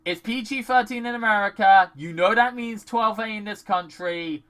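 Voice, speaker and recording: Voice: medium pitch, moderate pace, a bit bright. A movie reviewer in a casual vlog, ranting in an exasperated way, swearing often and filling speech with "like". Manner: many "like" fillers.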